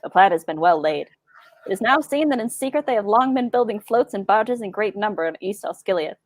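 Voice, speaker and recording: A woman voicing a messenger in a brisk 1940s radio-announcer manner. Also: medium pitch, lively intonation, no room sound, natural voice. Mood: urgent.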